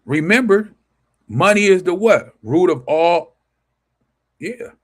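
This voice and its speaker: In an informal scripture study livestream, a male scripture teacher reads aloud and preaches casually to viewers online, posing rhetorical questions and answering them himself. His voice is high and animated, and he speaks slowly.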